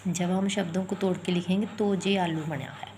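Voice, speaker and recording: A woman with a lowish, slightly mellow voice teaches Hindi vowel signs at normal speed and with fairly even intonation. She spells words out sound by sound and repeats them patiently while explaining letters and vowel signs. There's a little hiss or hum.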